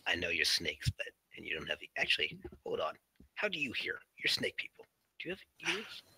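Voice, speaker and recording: A man's voice: deep voice, a little fast, breathy edge, poor audio. A man playing a tabletop game with casual, joking banter. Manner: animated, joking.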